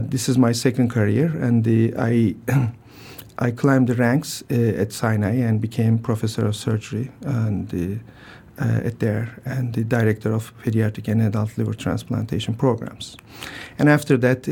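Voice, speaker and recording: An older Turkish man with a gravelly, mellow voice of medium pitch and steady tone is a transplant surgeon answering radio interview questions. He speaks haltingly, restarting sentences, filling pauses and often clearing his throat.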